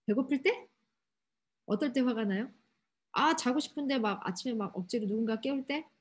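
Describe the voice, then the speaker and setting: A woman youth pastor giving a lively sermon to teenagers, asking them many questions and acting out quotes. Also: a little high, moderate pace. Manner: asks the audience many questions, acts out quotes animatedly. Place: church hall.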